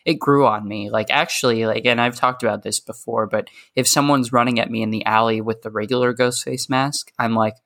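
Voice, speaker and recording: A man's voice: medium pitch, steady tone, a little fast, hardly any pauses, a bit bright. A man co-hosting a podcast in casual chat, easygoing and rambling, full of fillers and hedges.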